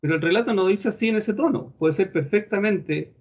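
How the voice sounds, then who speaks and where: A man teaches preaching in a steady, explaining way and briefly performs the tones of other preachers. His voice sits a little high. The recording sounds dull and lo-fi. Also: moderate pace. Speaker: homiletics teacher.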